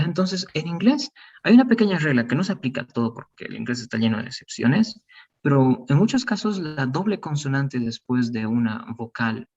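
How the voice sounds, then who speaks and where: A man's voice: medium pitch, breathy edge, far from the mic, muffled recording. A man teaching an English pronunciation lesson, patient and encouraging, mixing Spanish explanations with English examples.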